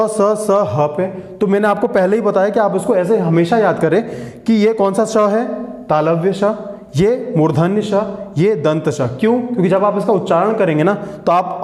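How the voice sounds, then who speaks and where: A man teaching a grammar lesson, sounding out each letter slowly and asking students to repeat after him. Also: high voice, darkish tone, echoey room.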